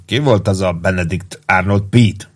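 A man voicing a laid-back, teasing male first sergeant with an easy, calm way of talking. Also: deep voice.

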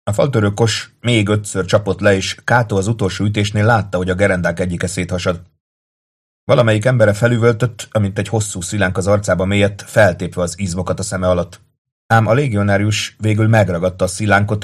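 A man reading a war novel aloud as narrator, steady and dramatic. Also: lowish voice. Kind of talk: audiobook narration.

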